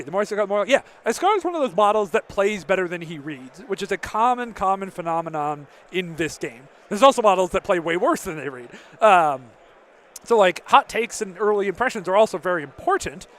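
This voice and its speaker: A man casually commentating a tournament live stream, answering chat questions with frequent fillers and sounding slightly worn in the voice. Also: a little high. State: slightly losing his voice.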